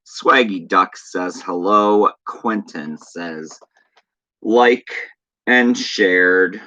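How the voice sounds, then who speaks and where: A man chats casually on a live stream, reading viewer comments one by one and greeting each person. His voice sits low and bright, and he takes his time. The audio is dull and lo-fi. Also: very slow. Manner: laid-back, chatty, greets viewers by name. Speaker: horror channel host.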